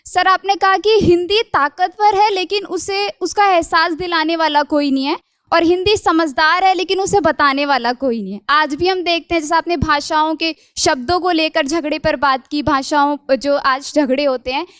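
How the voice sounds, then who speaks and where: A woman's voice: very high-pitched, steady tone, normal speed, a bit bright, dry recording, studio quality. A young woman student asking a formal, polite question at a college talk, respectful and admiring. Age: young adult. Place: college hall.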